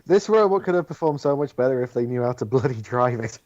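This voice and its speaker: Man, podcast co-host, middle pitch, muffled lo-fi sound, opinionated run-on talk. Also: animated, fast talker, a little mellow, slight background noise. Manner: opinionated, talks in long run-on sentences. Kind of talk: casual podcast chat.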